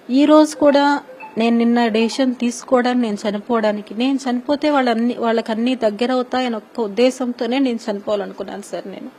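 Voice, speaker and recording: A woman's voice: fairly high pitch, vocal fry, darkish tone, a little hiss or hum, low-quality recording. A woman in her thirties giving a distressed, pleading news interview, repeatedly addressing the interviewer respectfully.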